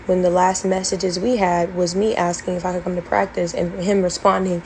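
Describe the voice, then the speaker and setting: A woman's voice: fairly low pitch, little pitch movement, a little fast, a little mellow, a little hiss or hum, poor audio. A young woman earnestly recounting her college experience in a storytime vlog, detailed and full of fillers. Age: young adult. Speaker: former college band member telling her story.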